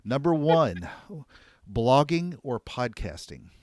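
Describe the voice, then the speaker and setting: A man hosting a podcast, asking playful this-or-that questions and then giving a measured recap of advice. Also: mid-range voice, sing-song. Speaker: podcast host. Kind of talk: casual interview and scripted recap.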